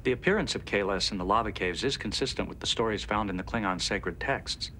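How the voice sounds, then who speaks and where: An actor playing a calm, precise male android officer who speaks in a smooth, even, unemotional way. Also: lowish voice, fairly quick, slight background noise. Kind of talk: TV series acting.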